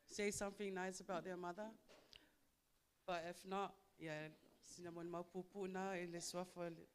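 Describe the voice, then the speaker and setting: A woman from Samoa with a Samoan accent gives a heartfelt, halting church testimony for Mother's Day, moving between languages. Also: lowish voice, little pitch movement, a little hiss or hum. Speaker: church member giving a testimony.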